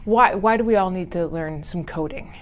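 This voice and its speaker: A woman's voice: fairly low pitch, moderate pace, a little hiss or hum. A woman hosting a local TV business show, interviewing a guest in a friendly, encouraging way. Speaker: TV host.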